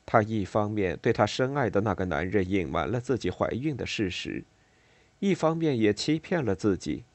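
Low, expressive male audiobook narrator. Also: dry recording. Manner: measured reading with expressive, varied intonation. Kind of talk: scripted novel narration.

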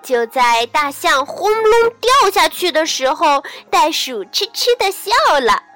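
Woman storyteller, bedtime story, high and lively, bright, soft music behind. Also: measured pace. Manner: gentle, sing-song, soothing. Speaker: children's storyteller. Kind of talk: bedtime story narration for children. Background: soft background music.

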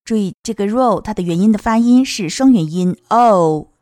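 A woman teaching English pronunciation of a children's song, modeling each sound slowly and clearly. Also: mid-range voice, lively intonation, mellow, no echo, studio quality. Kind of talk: explaining song lyrics and pronunciation.

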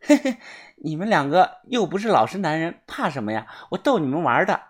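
A woman's voice: low voice, big pitch swings, a little fast, slightly rough, heavily acted. A woman voicing a frank, world-weary young woman who talks in a wry, matter-of-fact way in a storybook reading.

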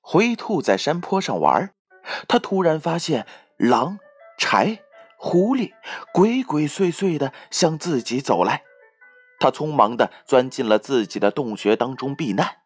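A male storyteller reads a children's fable aloud. His voice sits in a middle pitch, but it swings up and down a lot, keeping the telling animated and expressive. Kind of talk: scripted storybook narration.

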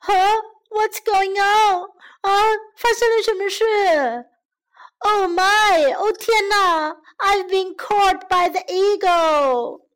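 A woman's voice: very high voice, wildly swooping pitch, takes it slowly, bright, forceful tone, voice pushed up, full character voice. A woman voicing a carefree, selfish frog who whoops and plays in a children's storybook. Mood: panicked crying. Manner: boisterous, whooping. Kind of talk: bilingual children's storybook reading.

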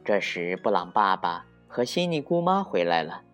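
A storyteller reading a children's picture book aloud in a slow, expressive way. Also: sits low, soft background music.

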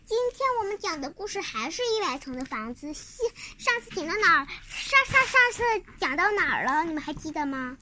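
A child narrates a picture book. The delivery is informal and halting, with repeated words and questions to the listener. The tone is bright, over a faintly noisy home recording. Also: very high-pitched, sing-song. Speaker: storyteller reading a picture book aloud.

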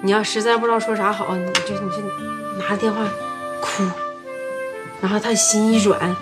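A woman's voice: mid-range voice, fairly even intonation, moderate pace, loud music behind the voice, natural voice. A woman playing a coaxing big sister. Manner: coaxing, lecturing. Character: motherly older-sister woman giving advice. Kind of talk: TV series acting.

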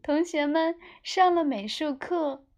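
A woman tells a children's story in a high voice. Her reading is expressive and unhurried, with each sentence laid out slowly for young listeners.

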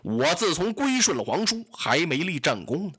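Man playing a stern old general, low and weighty, husky tone, storyteller's voice. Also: very animated, normal speed, a bit bright, exaggerated voice. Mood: proud. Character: proud elderly male general, steady and stern.

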